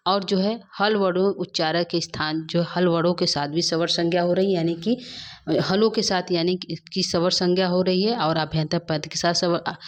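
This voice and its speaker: Teaching an online Sanskrit grammar lesson, a woman whose voice sits on the low side walks through each point in order. She frequently asks her own questions and supplies the answers.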